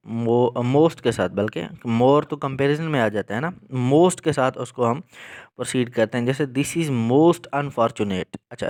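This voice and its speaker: A man teaching English grammar in a patient lesson. He often checks in with the listener and slows down to spell out each example. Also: mid-range voice, darkish tone, no echo, studio quality. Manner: patient, repeats 'theek hai' to check understanding. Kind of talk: explanatory lesson.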